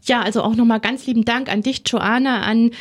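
A woman's voice: a little high, fairly even intonation, brisk. A woman hosting a casual radio interview in an informal, enthusiastic, colloquial way. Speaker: radio host.

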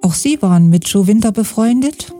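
A woman's voice: medium pitch, animated, moderate pace, mellow, soft background music. A woman hosting a radio interview, asking formal, prepared questions. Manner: formal, reads questions from notes. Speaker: radio host.

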